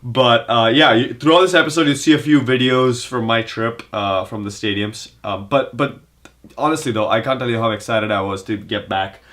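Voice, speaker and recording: A man's voice: mid-range voice, moderate pace, a bit bright. A man co-hosting a podcast in casual chat, laid-back and jokey, swearing now and then. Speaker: podcast co-host.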